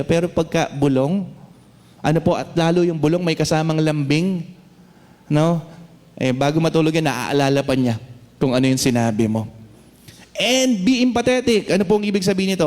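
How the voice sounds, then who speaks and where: A Filipino man delivers a sermon in a somewhat high voice, moving back and forth between English and Tagalog. He slows right down for Bible verses and keeps checking in with his listeners. The long reverb of a church hall trails after his words. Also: a little mellow. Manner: mixes English and Tagalog, reads Bible verses slowly, frequent "no?" tags. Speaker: pastor.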